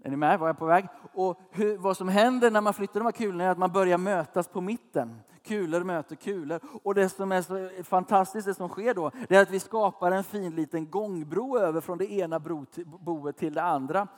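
A man's voice: high-pitched, hardly any pauses, big-room sound. A man in his thirties preaching a casual, conversational sermon, often asking his listeners if they follow. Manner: chatty, asks listeners questions.

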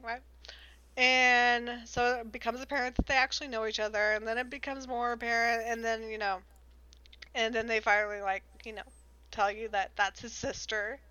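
Bright, high-voiced young woman chatting. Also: clear, resonant tone, no room sound, lo-fi sound. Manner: animated, swearing, laughing storyteller. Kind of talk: casual chat recapping an audiobook.

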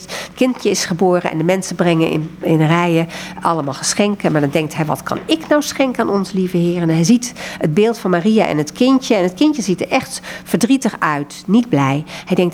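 A woman, country coordinator of a prayer group, reads a story aloud expressively and then talks about books, hesitating often when speaking freely. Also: slight background noise. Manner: reads expressively, lively pitch in quoted lines.

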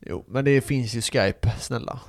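A man's voice: mid-range voice, no room sound, clean studio sound. Young male podcast co-host, loose conversational chat, hesitant fillers. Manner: relaxed, chatty, many fillers.

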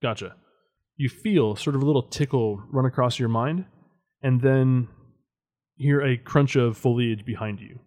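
A man narrating and running a tabletop game as game master, in a calm, measured way. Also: medium pitch.

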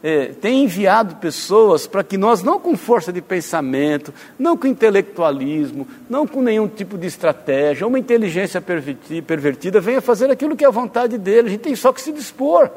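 A man preaching a sermon with a notably high voice. He speaks earnestly to his congregation and now and then stumbles and restarts a word. His voice rings out with a long echo through a large church hall. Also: a little mellow, breathy edge. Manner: earnest, addresses congregation directly, stumbles on words. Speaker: pastor.

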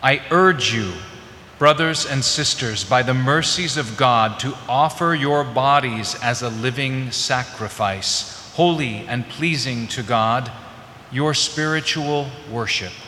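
A man serving as lector, reading scripture at Mass in a slow, solemn, deliberate way, with a cathedral echo. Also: medium pitch, bright, forceful tone. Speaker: lector and cantor. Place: large church. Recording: roomy church reverb, faint hiss.

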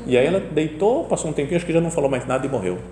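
A man's voice: a little high, lively intonation, racing, mellow, slight background noise. A man with a Brazilian Portuguese accent giving a chatty homily in a chapel, often asking his listeners "né?". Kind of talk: conversational homily. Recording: echoey, reverberant chapel with faint ambience.

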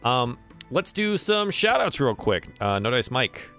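A man hosting and narrating a live tabletop game as game master, in an informal, halting, improvised delivery. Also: mid-range voice, big pitch swings, pushed and bright, soft background music. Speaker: game master and show host. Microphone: online voice call.

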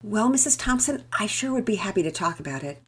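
A woman voicing a gentle, patient mother who speaks in a soft, polite, measured way. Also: mid-range voice, lively intonation, husky, voice pushed up. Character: gentle, patient mother, calm under pressure.

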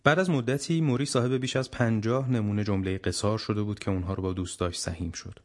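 A man narrates an audiobook in a low voice. His delivery is steady and measured, the even pace of a careful storyteller reading aloud.

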